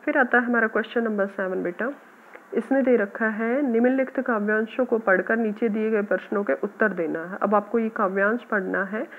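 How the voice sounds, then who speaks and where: A woman teacher patiently explaining a grammar lesson to schoolchildren, sounding out words slowly. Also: a little high. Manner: patient, addresses students as "beta", repeats words slowly. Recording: tinny phone-like audio.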